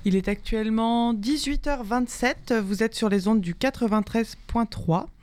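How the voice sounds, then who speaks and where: A woman's voice: fairly high pitch, measured pace, a little mellow, faint music behind. A woman hosting a live radio show, breezy and self-mocking. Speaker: radio host.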